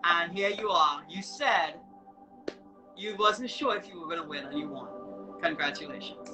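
Speaking at a moderate pace in a fairly low voice, this woman hosts a relaxed live online show. She's effusive and encouraging, tends to say things more than once, and the low-quality recording carries background music.

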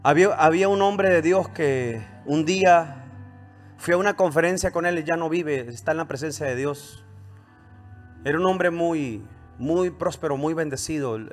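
A man with a high-pitched voice preaches a sermon to his congregation. He swings between emphatic, rising questions and quieter asides, calling for amens. Faint music plays underneath. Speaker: pastor.

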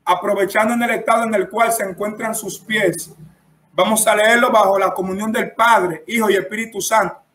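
A Dominican-accented man preaches and instructs in an emphatic style, sprinkling his talk with amens. His voice sits high and bright, with a forceful edge. The sound carries the echo of a roomy church. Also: fairly even intonation, moderate pace, slight background noise. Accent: Dominican Spanish. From Dominican Republic. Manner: emphatic, punctuates phrases with frequent amens. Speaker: preacher teaching church etiquette. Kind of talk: instructive preaching to a live-streamed audience. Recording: echoey room.

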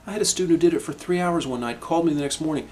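A middle-aged man teaching a harmonica lesson, explaining in a calm, reflective way with frequent restarts. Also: fairly high pitch, very fast, a little hiss or hum. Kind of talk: instructional video lesson.

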